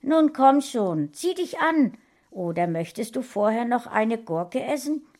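A woman's voice: high-pitched, lively intonation, unhurried, a little mellow, voice pushed up. A woman voicing an indignant, teasing teenage sister in a read-aloud story. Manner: indignant, mocking.

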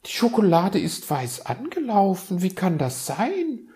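A man voicing a hysterical female magpie in a storybook reading, shrieking and wailing in a very high voice. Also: wildly swooping pitch, unhurried, warm tone, heavily acted. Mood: indignant. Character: shrill hysterical female magpie, old friend.

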